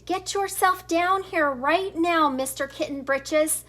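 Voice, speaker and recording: A woman puts on a strict mother cat in a children's storybook. She scolds in a high voice, drawing out her lecture slowly and stressing her words. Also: sharp tone, exaggerated voice. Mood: scolding. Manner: emphatic, lecturing.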